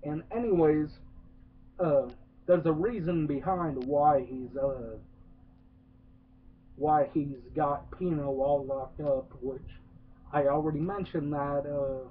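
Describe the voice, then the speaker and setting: A man's voice: fairly high pitch, slow pace, pauses often, a little hiss or hum. A man ranting through a sarcastic movie review, rambling with lots of "uh"s and swearing. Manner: rambling, profane, many filler "uh"s, sarcastic. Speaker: film reviewer. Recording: tinny phone-like lo-fi.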